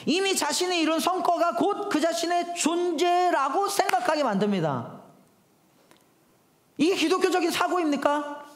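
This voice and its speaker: Male pastor, lively sermon, very high voice, echoey church hall. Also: normal speed. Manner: animated storytelling, addressing the congregation directly.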